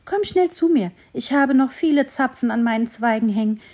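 A woman voicing a small, kind fir tree that talks warmly and enthusiastically, for a children's story. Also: high-pitched, lively intonation, moderate pace, pitched above the performer's own voice. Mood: welcoming. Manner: warm, enthusiastic, welcoming.

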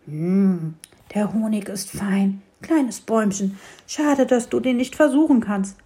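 A woman's voice: mid-range voice, slow pace, warm tone, breathy edge. Easygoing honey-loving storybook bear, friendly; woman narrator. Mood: contented. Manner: easygoing, contented.

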